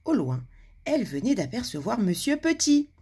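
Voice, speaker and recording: A kindergarten teacher reading a storybook aloud to children, animated and dropping to hushed asides. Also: female voice, fairly high pitch, normal speed, breathy edge.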